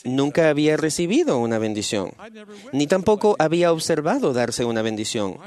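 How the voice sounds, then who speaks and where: A man speaking at a church meeting, telling a personal story as a sermon in a measured, earnest way and slowing on key phrases. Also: fairly high pitch, very animated, a little mellow.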